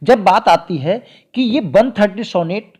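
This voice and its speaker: High-voiced man explaining a sonnet. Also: animated, darkish tone, breathy edge. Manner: slow, stretches out quoted English lines; explains step by step, repeats key points. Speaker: literature teacher. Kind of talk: explaining a poem in a lecture.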